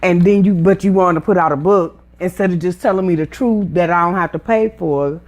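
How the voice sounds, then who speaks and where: A woman's voice: lowish voice, brisk, darkish tone. Sassy, emphatic woman podcast co-host. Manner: sassy, emphatic, repeats words for punch. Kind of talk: casual chat.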